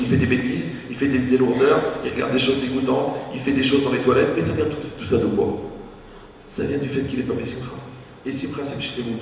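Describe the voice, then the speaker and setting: Male rabbi lecturing, rapid humorous delivery, distant mic, long hall reverb. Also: medium pitch. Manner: animated, joking, mixes in Hebrew terms. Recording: echoey hall from far off, faint noise.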